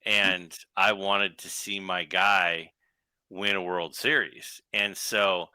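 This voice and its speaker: Bright-voiced man telling stories. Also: deep voice, steady tone, smooth, no echo. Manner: rambling storyteller, quick asides. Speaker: guest collector. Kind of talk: casual podcast chat.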